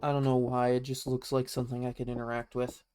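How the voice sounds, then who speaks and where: A man's voice: medium pitch, completely flat delivery, fast talker, darkish tone, a little hiss or hum. A man streaming a horror game, giving wry, playful casual commentary and reading bits of on-screen text aloud to himself.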